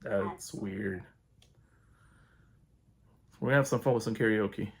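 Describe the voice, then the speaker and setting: A man giving a relaxed, chatty product review at home, walking through features. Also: on the low side, takes it slowly, creaky. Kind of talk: casual unboxing review.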